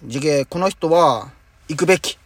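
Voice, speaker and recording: A young man with a high voice that never broke, chatting as host of a casual podcast. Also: moderate pace, no room sound. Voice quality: high, unbroken voice. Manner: chatty, dialect-heavy, laughs often. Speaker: radio show host. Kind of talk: casual podcast chat reading listener letters.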